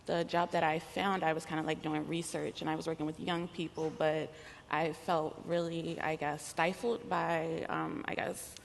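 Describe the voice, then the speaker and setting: Low, gravelly young woman panelist. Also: level tone, moderate pace, a little hiss or hum. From Maryland, United States. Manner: thoughtful, hedging with "I guess" and "um". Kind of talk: telling her story on a panel. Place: conference hall. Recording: roomy hall, faint ambience.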